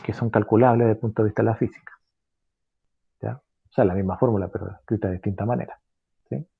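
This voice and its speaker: Gravelly-voiced male physics teacher. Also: fairly low pitch, steady tone, phone-quality sound. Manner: explains step by step, checking in often with tag questions; halting, with frequent fillers and self-corrections. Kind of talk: online physics lesson.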